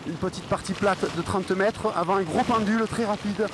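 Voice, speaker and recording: Man with a high voice calling out the track bits, short clipped phrases, noisy outdoors. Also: steady tone, moderate pace. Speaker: course describer. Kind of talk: course commentary.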